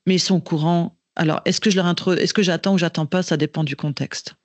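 A woman's voice: on the low side, steady tone, fast talker, no echo. Québécois woman teacher, dry close voice. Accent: Québécois French. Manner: thinking aloud with frequent restarts and fillers. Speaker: teacher and guest. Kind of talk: casual podcast conversation.

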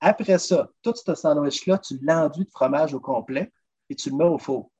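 A podcast guest with a Québécois accent, a drummer and food traveler, eagerly runs through recipes in a casual interview. His voice is a little high with a breathy edge, his pace moderate, and his manner chatty and lively, peppered with "listen." The recording is dull lo-fi.

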